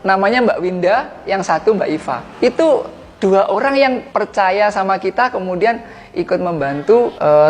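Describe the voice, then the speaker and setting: A man with a Javanese accent, a former teacher who now runs a tutoring center, giving an earnest inspirational testimony and acting out the dialogue. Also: high-pitched.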